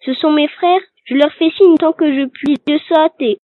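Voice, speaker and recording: A woman's voice: high-pitched, normal speed, no echo, natural voice. A woman reading the part of a young sister keeping watch from a tower in a fairy tale, calling out anxiously. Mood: relieved. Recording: dry, tinny phone-like recording.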